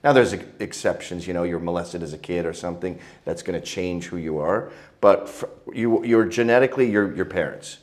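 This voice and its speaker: A man's voice: sits low, brisk. A middle-aged man, telling stories as an interview guest in a crude, joking, provocative way. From Canada. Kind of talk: casual interview storytelling.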